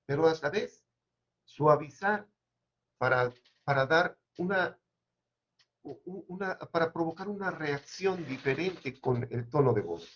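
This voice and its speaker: Guy presenting at a seminar, kinda high voice, slow careful explaining, bit muffled audio. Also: expressive, a bit bright. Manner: measured and explanatory, with occasional hesitations. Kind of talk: academic presentation.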